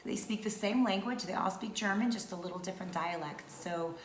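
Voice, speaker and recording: A woman's voice: medium pitch, a little fast. A woman in her thirties from North Georgia, chatting casually to camera as a vlogger with many fillers. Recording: echoey room with faint noise.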